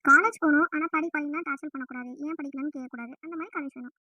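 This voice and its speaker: A woman's voice: high-pitched, racing, pushed and bright, no room sound. Woman voicing a whiny, flustered young woman. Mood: complaining. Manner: whiny, exasperated. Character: fretful young woman, college-bound, easily flustered. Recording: dull lo-fi dry sound.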